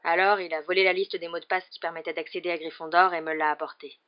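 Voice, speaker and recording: A woman voicing a gaunt, haunted escaped man with a hoarse voice, in a dull, muffled audiobook recording. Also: fairly low pitch, little pitch movement, quick pace, lightly acted. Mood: grim.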